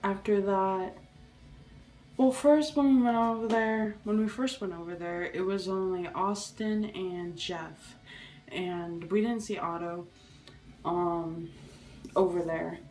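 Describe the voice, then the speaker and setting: A young woman telling a story in a casual vlog, excitable and rambling, with many restarts and fillers. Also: medium pitch, slow, distant mic, soft background music, rough recording. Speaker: vlogger.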